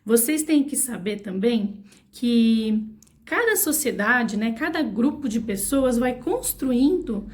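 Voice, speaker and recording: Slow, patient woman teaching young children. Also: fairly high pitch, lively intonation, darkish tone. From Brazil. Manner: slow, patient, spells words syllable by syllable; asks the children questions, coaxing. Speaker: primary school teacher. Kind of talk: recorded online lesson for young children.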